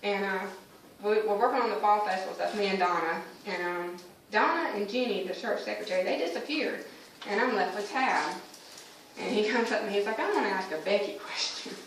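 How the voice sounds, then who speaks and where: A woman's voice: medium pitch, fairly quick. A woman gives her personal testimony as a church member, telling the story in a conversational way and voicing her exchanges with God. She is recorded from a distant mic, so her voice comes across roomy and very echoey. A faint hiss of noise sits under her speech.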